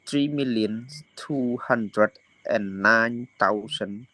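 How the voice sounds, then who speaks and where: Man, student reading aloud, slow and careful, lowish voice, dry sound. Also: bright, forceful tone, dry recording, rough recording. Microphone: video call.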